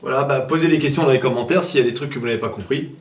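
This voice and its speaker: A man giving a casual English lesson, speaking in a relaxed way with many fillers and switching into English example sentences. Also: medium pitch, racing, roomy sound. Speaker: English teacher.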